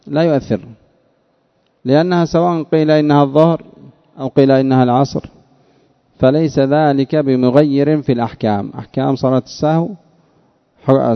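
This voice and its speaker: A man giving a religious lesson. He reads a passage aloud, then explains it in a measured way, asking questions and answering them himself. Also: medium pitch, muffled recording. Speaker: religious teacher. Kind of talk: reading a text aloud and explaining it.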